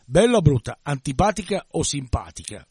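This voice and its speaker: A man voicing a brash young man who scorns girls, in a read-aloud novel scene, speaking boastfully and excitably. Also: a little high, fairly quick, husky, no room sound, full character voice.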